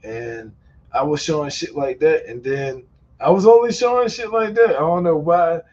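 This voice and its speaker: Speaking a little high and a little mellow at a moderate pace, a YouTuber and stream host chats casually on his live stream. His style is loose and profane, built around stories and frequent laughter. Muffled sound and faint ambient noise fill the recording.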